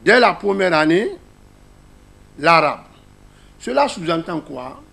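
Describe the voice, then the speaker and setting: A man's voice: a little high, very animated, slow, vocal fry, bright, forceful tone. A man with a Guinean French accent teaching a class, explaining a reading method step by step and asking his listeners questions.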